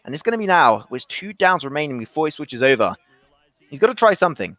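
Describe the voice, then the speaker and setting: A man doing excitable play-by-play commentary on an esports football match, often restarting his sentences. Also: fairly high pitch, no echo. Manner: rapid, excitable calls with frequent restarts.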